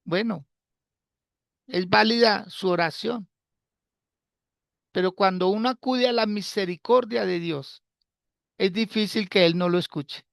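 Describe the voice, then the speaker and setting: A male pastor preaching a sermon in a slow, deliberate way. He repeats his phrases and puts rhetorical questions to the congregation. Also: sits high, gravelly, a bit bright, no echo, studio quality.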